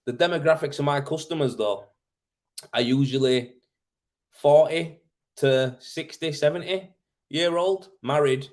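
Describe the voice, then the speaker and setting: A man from Leeds, Yorkshire, England, with a Yorkshire accent hosts a casual livestream and answers questions; he is a plasterer by trade. His fairly high voice is unhurried with long pauses, and he speaks in an informal, matey, colloquial way, thinking aloud as he goes.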